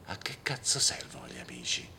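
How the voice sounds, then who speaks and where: Man playing a cranky, pained addict who snaps and shouts. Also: rumbling low, big pitch swings, brisk, slight background noise, voice pushed down, heavily acted. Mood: irritated. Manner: snappish, gruff and shouting. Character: irritable male addict in pain.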